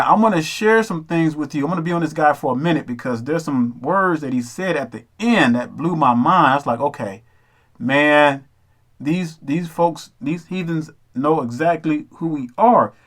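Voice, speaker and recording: A man's voice: a little high, a bit bright. A man giving casual, preachy commentary on a film, addressing his listeners as brothers and sisters. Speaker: religious commentator.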